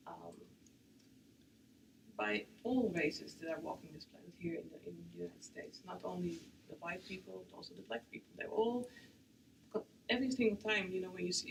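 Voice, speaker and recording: A panelist from the Netherlands speaking English in a reflective, quiet way that often trails off into near silence. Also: mid-range voice, vocal fry. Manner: quiet, trails off and drops in volume. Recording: distant mic with faint background noise.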